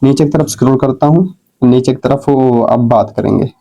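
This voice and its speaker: A man with a very dark, mellow voice teaches vocabulary in an even, middle-pitched tone. He spells words out letter by letter, asks his own questions and answers them, and often checks in with "theek hai". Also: normal speed, gravelly, rough recording. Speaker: English teacher. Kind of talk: spoken English lesson. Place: recorded while scrolling through on-screen notes.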